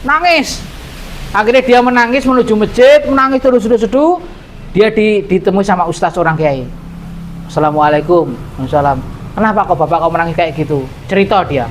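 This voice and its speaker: Animated Javanese preacher telling a story. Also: male voice, sits high, fairly quick, a little hiss or hum. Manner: animated storyteller, mixes Javanese into his talk. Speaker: Islamic preacher. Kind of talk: storytelling sermon.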